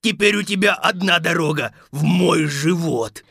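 A greedy, swaggering fairy-tale wolf, growling and mocking with a gravelly, bright voice. The recording is close and dry, like a studio audio story. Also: male voice, a little high, unhurried, no echo, exaggerated voice. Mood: menacing.

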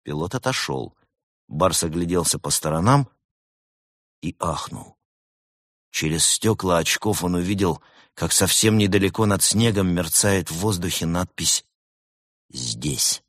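Male storyteller, lowish and animated, close dry studio read. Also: no room sound. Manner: expressive, measured storytelling. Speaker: narrator. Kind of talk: audiobook narration.

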